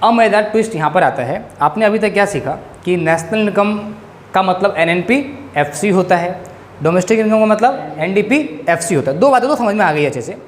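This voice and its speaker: A male economics teacher giving a classroom-style lecture, drilling his students with quick questions. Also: high voice, lively intonation, a little hiss or hum. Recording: echoey room.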